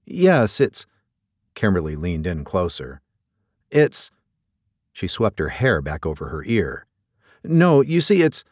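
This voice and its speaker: A man voicing a pert young female museum docent who talks high, breathless and urgent. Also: sing-song, slow, pauses often, no room sound, clean studio sound, heavily acted. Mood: puzzled.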